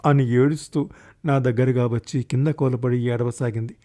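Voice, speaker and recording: A man reading a first-person story in scripted audiobook narration, slow and reflective. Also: medium pitch, fairly even intonation, dark tone.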